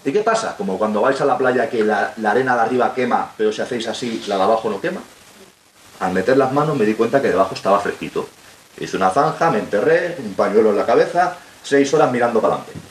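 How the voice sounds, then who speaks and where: A man's voice: fairly low pitch, lively intonation, quick pace. A man speaks to a young audience, leading them through a survival story with one rhetorical question after another. His voice carries through a roomy hall, with a faint hiss of noise behind it. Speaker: guest speaker. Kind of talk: motivational talk to young audience.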